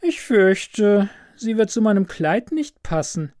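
A man's voice: sits high, big pitch swings, slow, a little mellow, no echo, clean studio sound, voice pushed up, exaggerated voice. A man voicing a haughty, snobbish young woman in a fairy tale, cool and dismissive.

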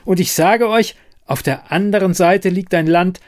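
A man voicing an excitable young village man who insists, eagerly and breathlessly, on what he has seen. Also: sits high, normal speed, voice pushed up, close to an everyday voice. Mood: insistent.

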